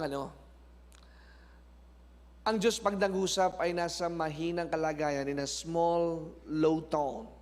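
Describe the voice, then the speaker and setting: A man from the Philippines preaching a sermon as pastor, mixing two languages and moving between soft prayer and loud, animated preaching. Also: fairly high pitch. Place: church sanctuary. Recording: long church hall reverb.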